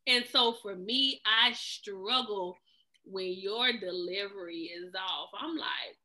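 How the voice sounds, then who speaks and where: A woman's voice: medium pitch, slow, bright, forceful tone, poor audio. A married woman co-hosting a relationship talk show, talking in an emphatic, preachy way. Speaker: podcast co-host. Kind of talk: casual chat.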